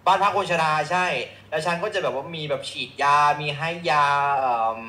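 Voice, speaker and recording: A man's voice: fairly high pitch, expressive, fairly quick, pushed and bright, reverberant. A man chatting casually with friends, rambling and hesitating with many fillers. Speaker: guest, friend living abroad. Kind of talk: casual chat among friends.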